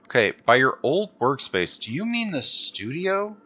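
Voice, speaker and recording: A man's voice: mid-range voice, sing-song, unhurried, sharp tone. A man giving casual gameplay commentary, thinking aloud informally and reading dialogue options out. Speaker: game streamer.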